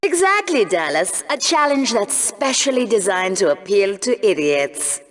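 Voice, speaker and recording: In a video game, an actress plays a sarcastic, cruel game-show co-host who heaps scorn on contestants in scripted arena commentary. Her mid-range voice is sing-song and measured in pace.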